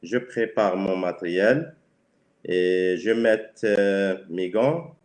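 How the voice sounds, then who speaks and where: A man with a Spanish accent speaks very slowly in a fairly low voice, searching for his words. His presentation is simple, and the room around him is echoey. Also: a little mellow. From Spain. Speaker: cleaner, webinar guest.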